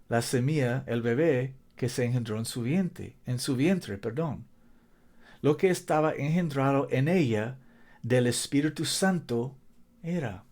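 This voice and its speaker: Slow-paced man preaching. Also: mid-range voice, a little mellow. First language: not a native Spanish speaker. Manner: emphatic, repeats key phrases. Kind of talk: Bible-teaching sermon.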